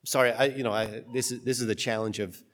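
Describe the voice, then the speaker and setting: A man serving as priest reads the gospel and then preaches a homily in a conversational, halting way, with his voice carrying a long cathedral-like echo from the pulpit. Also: medium pitch, little pitch movement, fairly bright tone. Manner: conversational, halting, with many restarts. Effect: long cathedral-like church echo. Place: church, speaking from the pulpit. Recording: long reverb of a large church.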